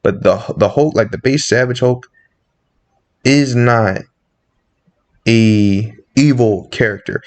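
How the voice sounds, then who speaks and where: A man's voice: medium pitch, slow, long pauses. Impassioned man ranting casually. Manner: impassioned, rising sharply when indignant. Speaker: comics commentator. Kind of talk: casual opinion monologue.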